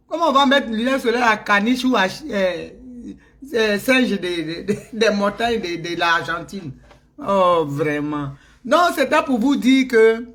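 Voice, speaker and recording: A woman's voice: mid-range voice, fairly bright tone. A middle-aged woman with an Ivorian French accent, ranting in a casual, teasing way and laughing often. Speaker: vlogger. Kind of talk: casual mocking rant.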